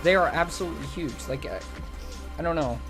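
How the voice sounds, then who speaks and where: A man's voice: fairly high pitch, a little fast, over music. A man co-hosting a casual gaming podcast, complaining about games in a dry, wry way. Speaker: podcast co-host.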